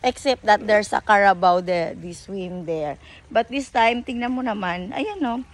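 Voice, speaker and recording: A woman with a Filipino accent, speaking at medium pitch and a little slowly, vlogs outdoors next to a river. Her talk is a loose, chatty blend of English and Tagalog, peppered with fillers and self-corrections.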